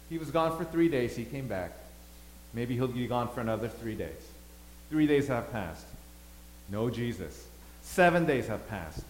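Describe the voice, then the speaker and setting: A man who grew up in Thailand, preaching a sermon as pastor, swinging between loud emphasis and quiet asides. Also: medium pitch. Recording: echoey hall, faint hum.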